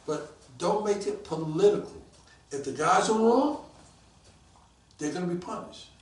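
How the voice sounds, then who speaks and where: A man around sixty, a police detective guest telling stories in a casual interview. He is animated and acts out the voices of people he quotes. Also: high-pitched, measured pace. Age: about 60. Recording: roomy, mic at a distance.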